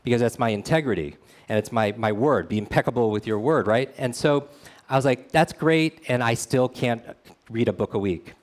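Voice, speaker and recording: A man giving a motivational storytelling talk at a meetup, earnest and speaking straight to the audience. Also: on the low side.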